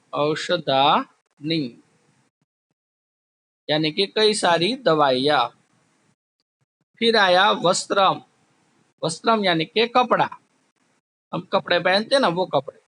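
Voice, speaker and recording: A man teaching a class, slowly drilling word forms, asking questions and answering them himself. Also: high voice, vocal fry, pushed and bright. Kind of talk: slow classroom explanation. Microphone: recorded while writing on a board.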